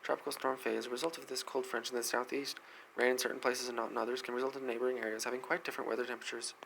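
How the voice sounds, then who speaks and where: A man reads weather news at a brisk clip, his voice gravelly with a rough edge. He stumbles and restarts now and then as he hurries through the articles. A faint ambient hum sits underneath. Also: mid-range voice, flat delivery, a bit bright, low-quality recording. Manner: fast reading with frequent slips and restarts. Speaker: host of a weather news segment. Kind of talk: reading news articles aloud.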